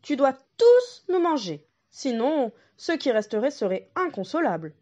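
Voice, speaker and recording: A woman's voice: high-pitched, big pitch swings, a little mellow, highs cut off, pitched above the performer's own voice, full character voice. A woman doing a bold mother goat. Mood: emphatic. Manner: quick-witted and emphatic.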